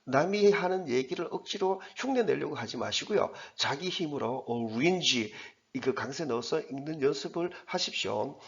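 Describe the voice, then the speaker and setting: A man teaching English, going through an exam passage in a chatty way and reading the English words slowly. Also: on the high side, muffled recording. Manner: chatty, repeats himself, reads English slowly word by word.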